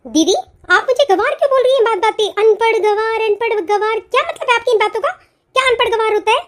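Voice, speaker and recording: Cartoon bride, young and earnest, very high voice, a woman voicing her; indignant. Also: quick pace. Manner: pleading, indignant. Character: young daughter-in-law, educated and earnest. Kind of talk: cartoon voice acting.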